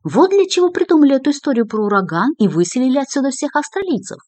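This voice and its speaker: A woman's voice: mid-range voice, big pitch swings, brisk, darkish tone, dry recording, voice pushed up. A woman reading the lines of an indignant male journalist who complains querulously. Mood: puzzled.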